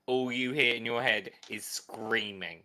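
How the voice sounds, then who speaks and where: A male game master runs a tabletop game with relaxed, joking narration. His voice sounds bright and forward, and his pitch sits mid-range. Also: a little slow.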